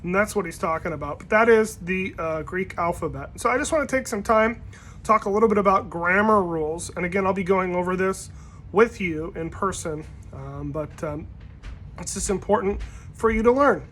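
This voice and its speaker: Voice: medium pitch, normal speed, slight background noise. Church Greek instructor, casual recorded lesson, easygoing delivery with frequent fillers and restarts. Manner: relaxed, conversational, with frequent ums and self-corrections. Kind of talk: informal recorded language lesson.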